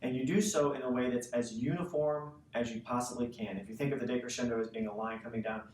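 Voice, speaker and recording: A man's voice: mid-range voice, steady tone, fast, a little mellow. Man teaching, in a roomy distant recording. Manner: conversational, checks in with "right?". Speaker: woodwind instrument teacher. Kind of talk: casual instructional explanation of a practice exercise. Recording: roomy, distant mic, faint noise.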